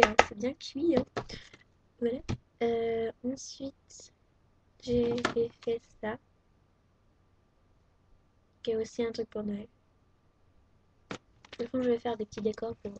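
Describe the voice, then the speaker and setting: A woman's voice: a little high, flat delivery, moderate pace, long pauses, a little hiss or hum. A teenage girl from France chatting casually and hesitantly at home, showing off her crafts to a webcam. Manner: chatty and hesitant, many fillers. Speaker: craft vlogger. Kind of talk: casual show-and-tell. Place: at home, indoors. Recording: dull lo-fi webcam audio. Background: faint vacuum cleaner.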